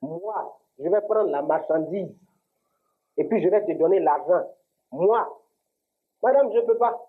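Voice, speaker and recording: A man's voice: high-pitched, animated, unhurried. A man with an Ivorian French accent playing a stubborn shopkeeper in a comedy sketch, defensive. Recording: tinny lo-fi audio.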